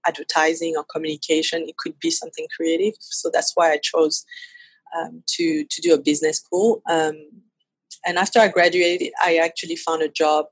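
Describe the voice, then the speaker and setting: A woman's voice: deep voice, fairly even intonation, moderate pace, vocal fry, breathy edge, no echo, low-quality recording. A woman in her thirties from France with a French accent, a photographer talking casually in an interview, laughing easily and using hesitant fillers. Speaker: guest photographer.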